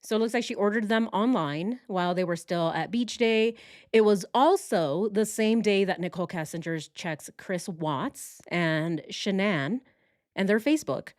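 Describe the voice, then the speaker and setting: A woman's voice: medium pitch, normal speed, no echo. Woman livestreaming true-crime commentary, dry close sound. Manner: rhetorical questions with tag "right?". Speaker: livestream host.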